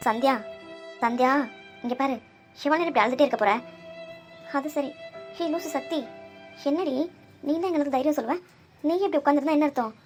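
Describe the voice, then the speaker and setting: High-pitched woman voicing cartoon dialogue. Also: brisk, long pauses, faint music behind. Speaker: voice actor narrating a family drama cartoon.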